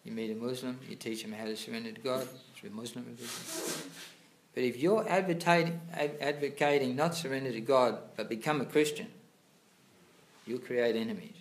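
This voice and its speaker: A man's voice: medium pitch, fairly quick, low-quality recording. A man giving a religious class as a teacher, reading scripture aloud and adding his own explanatory commentary. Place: room with a small class of listeners. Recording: clear background noise, room ambience.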